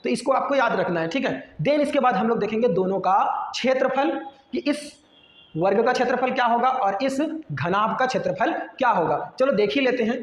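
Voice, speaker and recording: A man's voice: extremely high pitch, expressive, normal speed. A man teaching a math lesson, often putting a question to the class and then answering it himself. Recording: echoey room with long reverb.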